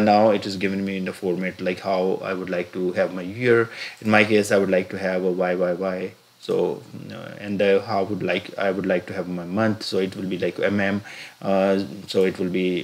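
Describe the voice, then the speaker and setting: A man narrating a screen-recorded software walkthrough as instructor, halting and full of filler sounds as he explains each step. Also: low-pitched, vocal fry. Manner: halting, many filler "uh"s and restarts. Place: voice-over recorded separately from the pictured screen.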